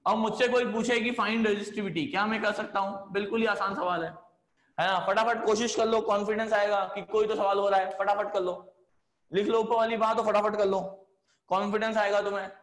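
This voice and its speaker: A man's voice: sits high, level tone, a little fast, a bit bright, roomy sound. A man teaching physics in a chatty lecture, coaxing his students along. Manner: chatty, coaxing, says "है ना" often. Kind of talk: classroom lecture.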